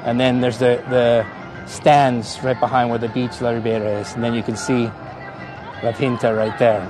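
Filming himself on a gimbal-mounted phone held at arm's length, a middle-aged man from Canada guides a live stream through a hilltop park outdoors. He speaks in a Canadian accent with a mid-range, level voice at normal speed, laughs a lot, and greets viewers by name. Music and crowd noise sit under his chatter.

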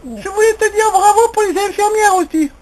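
A man voicing his pet male bird as a cheeky, adoring fan in a squeaky put-on voice. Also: brisk, a little hiss or hum. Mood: gushing. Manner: squeaky high put-on voice, gushing.

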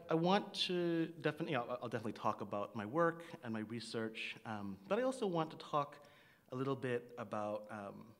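A middle-aged man giving a public lecture at a podium, speaking haltingly with many ums and restarts. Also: mid-range voice, fairly bright tone. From Singapore. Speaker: visiting artist lecturer. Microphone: podium microphone. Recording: long hall reverb.

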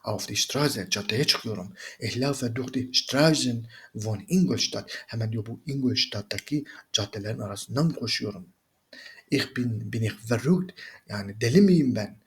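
Working line by line through a German reader, this male teacher reads the German slowly before tossing off quick, chatty translations. He speaks at a medium pitch with lively intonation and a slightly bright tone.

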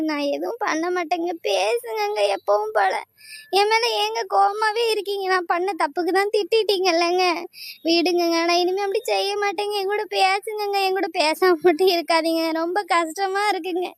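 A woman's voice: very high-pitched, fairly even intonation, normal speed, dry recording, clean studio sound. A woman voicing a meek young wife in a cartoon drama, begging and apologizing through tears. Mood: pleading. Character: tearful pleading young wife.

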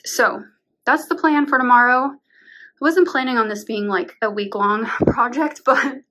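Young woman, casual home vlog, slightly high voice, chatty, rambling, tired, a bit breathless, camera mic. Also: background noise. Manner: chatty, rambling, uses "like" often, laughs between words. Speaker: vlogger. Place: home bedroom being painted.

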